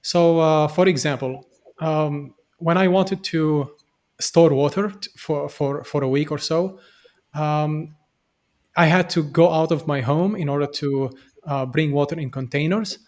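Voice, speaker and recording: A man's voice: fairly high pitch, a little slow, darkish tone. A young man from Syria, a podcast guest, speaking earnestly and reflectively with frequent fillers and restarts. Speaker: podcast guest, software developer. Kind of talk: conversational interview.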